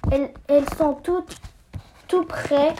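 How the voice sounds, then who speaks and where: A woman voicing a small, weak but friendly bee in a storybook, reading slowly with stumbles. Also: high-pitched, fairly even intonation, warm tone, a little hiss or hum. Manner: slow, halting reading.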